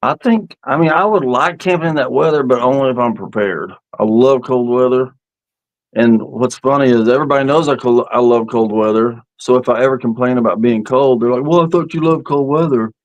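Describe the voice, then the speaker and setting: A fifties-aged man rambles through folksy stories in a casual camping chat on an outdoor live stream. His mid-range voice is brisk. The recording is dry and the audio dull.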